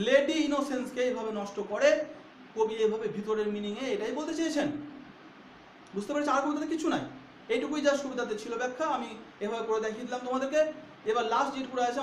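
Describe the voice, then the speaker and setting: A man's voice: very high voice, roomy sound, slight background noise. A man teaching a poetry lesson to students, repeating himself and often checking that they follow. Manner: repetitive, checks understanding with questions.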